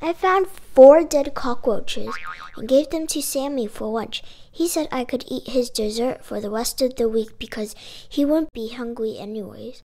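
A high-voiced woman reads a children's picture book aloud with puppets, taking her time. Her animated delivery is expressive and emphatic, full of dramatic exclamations.

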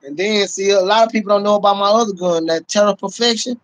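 A middle-aged man chats casually about guns on a phone livestream from a small room at home, swearing and laughing along the way, with the phone held at arm's length. His high, steady voice is fast and a bit bright, the recording is dry, and fireworks go off outside.

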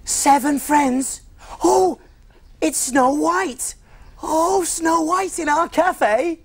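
A man's voice: very high voice, extremely slow, dry recording, exaggerated voice. A man playing a big, friendly male cook on a children's TV show, jolly and teasing, full of exclamations. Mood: cheery. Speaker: children's TV presenter. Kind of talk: children's TV acting.

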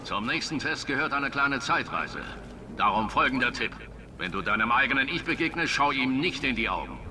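A man's voice: mid-range voice, expressive, normal speed, lightly acted. A man voicing a brash, eccentric company founder in a video game, speaking in recorded announcements that cheerfully shrug off deadly dangers, with noisy game sounds behind him. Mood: bossy. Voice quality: cheerfully reckless, matter-of-fact about dangers.

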